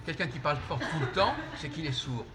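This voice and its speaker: Man, lecturing café talker, higher voice, busy fast-food crowd behind. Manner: explaining, lecturing tone with many restarts. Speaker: host. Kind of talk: casual café conversation.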